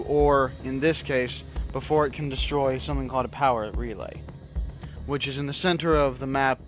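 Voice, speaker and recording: A man hosting a gaming video, chatting casually and explaining the rules as he plays. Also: mid-range voice. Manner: chatty, explains game rules while playing. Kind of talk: casual gameplay commentary. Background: game music.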